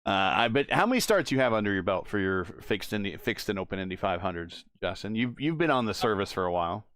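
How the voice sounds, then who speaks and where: A man's voice: fairly low pitch, very animated, fast talker, a bit bright, no echo, clean studio sound. A man co-hosting a sim racing broadcast, chatting casually and explaining things in a laid-back way. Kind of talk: casual podcast chat.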